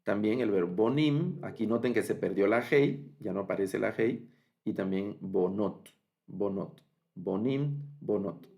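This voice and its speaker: A man teaching a recorded online lesson, speaking slowly, repeating word forms and pausing with fillers. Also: lowish voice, creaky, dark tone, dull audio. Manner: slow and repetitive, spells out forms with many fillers. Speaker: biblical Hebrew teacher.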